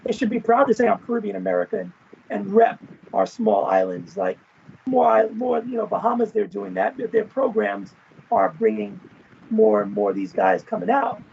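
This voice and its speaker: The speaker is a man, an interview guest who formerly worked as an event manager and professor, with a high-pitched, gravelly, expressive voice at normal speed. Slight background noise sits on the muffled video call as he talks in a relaxed, sprawling way, often adding "right?" and "you know."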